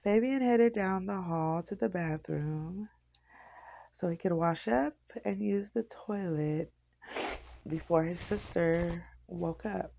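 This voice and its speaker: A woman reads a novel aloud at an unhurried pace. Her voice carries a heavy gravelly rasp. The reading is unpolished, with slips and rereads. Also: fairly low pitch, warm tone, rough recording. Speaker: audiobook narrator.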